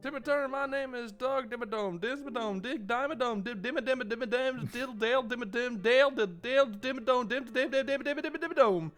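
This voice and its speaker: A man's voice: very high-pitched, brisk, hardly any pauses, fairly bright tone, soft background music, voice pushed up. A man impersonating a blustering rich southern tycoon in a loose Southern accent, rattling off a repeated name in a sing-song. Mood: garbled. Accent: vaguely American Southern.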